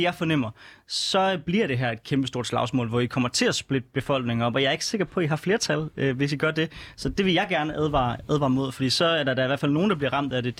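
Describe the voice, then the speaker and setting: A man speaking in a measured, hesitant way in a political panel debate, pausing on fillers. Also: mid-range voice, no room sound. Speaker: right-leaning debater.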